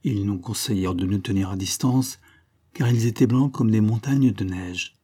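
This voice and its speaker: A man reading a classic novel aloud in measured scripted narration. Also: lowish voice, dark tone, breathy edge. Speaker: audiobook reader.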